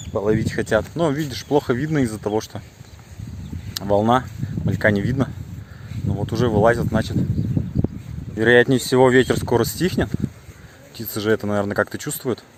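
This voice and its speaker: A man giving casual, slangy vlog commentary from a fishing trip, outdoors on the water, with wind on the mic. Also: medium pitch. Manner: informal, slangy. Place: outdoors on the water in a small boat.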